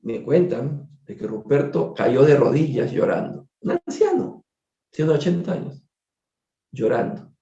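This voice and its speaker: A doctor telling a case story during a spiritist book study, conversational and digressive, repeating words and turning to his listeners with quick asides. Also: mid-range voice, animated, mellow. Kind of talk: storytelling lecture. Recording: echoey room, dull lo-fi sound.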